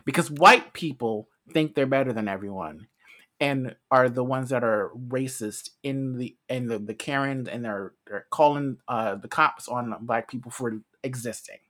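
A man's voice: mid-range voice, normal speed, fairly bright tone. An American man co-hosting a casual podcast, explaining his views earnestly and at length, often restarting his phrases. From United States. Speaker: podcast co-host.

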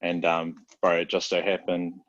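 A relaxed New Zealand man with a very low voice, talking easily as a podcast guest. He is loose and slangy and keeps saying "bro". The recording sounds dry and a bit dull. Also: moderate pace, no echo. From South Auckland, New Zealand. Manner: laid-back, slangy, peppers every phrase with "bro". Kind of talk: casual chat.

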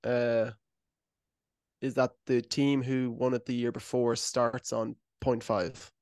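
A man calmly lays out ideas on a podcast, stopping and restarting as he thinks. His voice is mid-pitched, and the sound is close and dry. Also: takes it slowly, dry recording. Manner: thoughtful, hesitant, pitches ideas. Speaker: podcast co-host. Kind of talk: casual chat.

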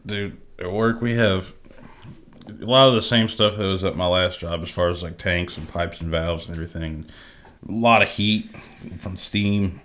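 Lower-voiced young man joking on a podcast. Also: fairly even intonation, moderate pace, a bit bright. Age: 20s. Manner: laid-back, laughing, profane banter. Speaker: podcast co-host. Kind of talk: casual chat.

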